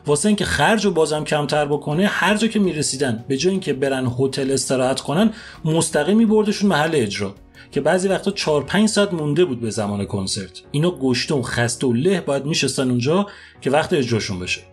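A man hosting a podcast, retelling a story in a lively, colloquial, dramatic way. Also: a little high, breathy edge, soft background music. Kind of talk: casual spoken storytelling podcast.

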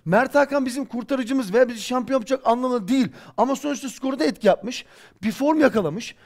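High-pitched, fast, ranting male pundit. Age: 40s. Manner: impassioned, ranting, rhetorical scolding. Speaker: football pundit. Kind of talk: heated post-match commentary. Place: studio.

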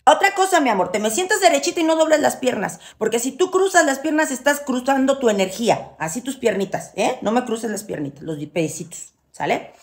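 Mexican woman, kinda high voice, loud and rowdy, teasing and chatty while she walks you through a ritual. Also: animated, a little fast. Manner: loud and boisterous; chatty, teasing, affectionate slang. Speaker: witchcraft teacher. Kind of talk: casual spoken tutorial.

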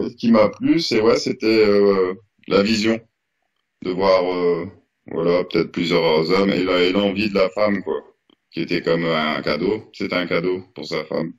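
A man being interviewed over a video call, answering reflectively with pauses. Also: deep voice, steady tone, dull audio. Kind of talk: casual interview.

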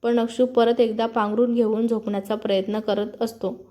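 A woman narrating a family story as a scripted reading, in a calm, even manner. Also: on the high side, normal speed, dull audio.

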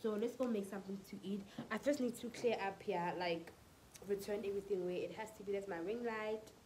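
Sick with flu and audibly stuffed up, this twenty-something South African woman chats to her arm's-length phone camera at home, moving between living room and bedroom. She speaks briskly in a mid-range, darkish voice, dropping Setswana phrases into her casual vlog talk. The audio is rough, with slight background noise.

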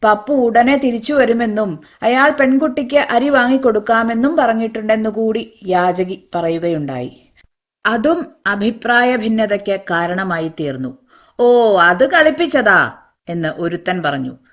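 A woman reading a novel aloud in measured, expressive storytelling. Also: a little high, highs cut off. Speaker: narrator. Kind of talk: scripted novel narration.

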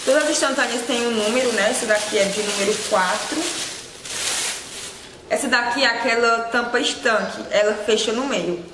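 Speaking at a moderate pace in a fairly high voice, this woman vlogger and seller presents products to camera in a relaxed way. The small shelved room she's in sounds echoey, and there's a lot of background noise.

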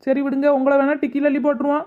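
A woman voicing a teasing, coaxing village woman, in an animated cartoon. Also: high voice, very fast, narrow, tinny audio, natural voice.

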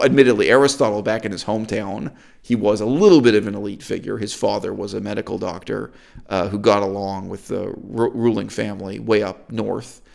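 A middle-aged man from Canada, hosting an opinionated discussion in an animated, emphatic and critical way. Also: medium pitch, gravelly. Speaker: host.

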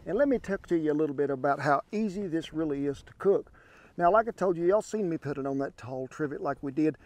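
Man, 60s, Southern US accent, folksy drawl, fairly high voice, outdoor cooking demo, windy ranch camp, lapel mic. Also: lively intonation, quick pace, a little mellow, dry recording. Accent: Southern US (Oklahoma). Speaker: cooking show host. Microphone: wireless lapel mic.

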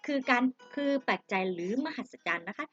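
A woman's voice: mid-range voice, expressive, fairly quick, a bit bright, slightly rough, dull audio. A woman teaching Chinese vocabulary to children. She speaks patiently, draws out each syllable and addresses the kids directly. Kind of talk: slow vocabulary lesson with repeat-after-me drills.

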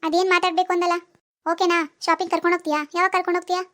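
A woman's voice: extremely high pitch, little pitch movement, very fast, bright, forceful tone. A woman voicing a demanding, proud young village woman in a cartoon, scolding and sarcastic as she talks to her boyfriend. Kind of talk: cartoon dialogue voice acting.

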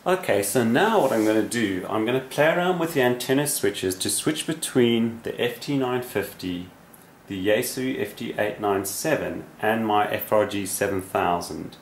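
A radio hobbyist, a man with a lowish, creaky voice, talks at a normal speed while demonstrating and explaining things casually and without a script. He sounds somewhat hesitant, the setting is a small indoor radio room, and slight background noise is audible.

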